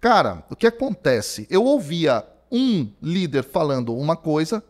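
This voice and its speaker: In a podcast studio, a Brazilian theology professor in his forties gives a relaxed, conversational interview as a guest, recorded through a studio mic. His somewhat high voice moves a little slowly, carrying a Brazilian Portuguese accent. He's an animated storyteller, sprinkling his account with fillers like "cara."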